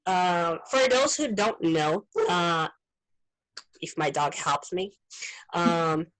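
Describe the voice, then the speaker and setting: A woman in a casual online chat who talks in a relaxed way and laughs easily. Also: fairly low pitch, slow pace, poor audio. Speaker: meeting participant. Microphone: video call.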